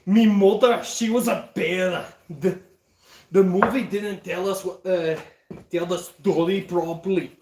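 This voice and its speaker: A man doing a put-on Scottish accent for a gruff, vengeful Viking father, in an echoey room. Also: sits high, steady tone, measured pace, background noise. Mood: blustering.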